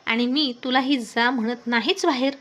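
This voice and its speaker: A woman's voice: high voice, normal speed, fairly bright tone, rough recording. Woman voicing a teasing young husband. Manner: teasing, mocking. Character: teasing male professor husband, cocky and playful.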